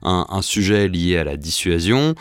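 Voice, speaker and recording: A man's voice: deep voice, expressive, smooth, no room sound. A man talking as a guest researcher in an interview, explaining at length with frequent filler hesitations. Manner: halting, many filler hesitations. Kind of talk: expert analysis in a podcast interview.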